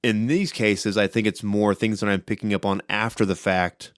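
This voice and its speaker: A man with a somewhat low voice talks loud and quick on a casual podcast, often ending thoughts with "right?". The sound is dry and close, with no room around it. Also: steady tone, no echo. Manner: fast-talking, loud, with many "right?" tags. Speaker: podcast co-host and game master.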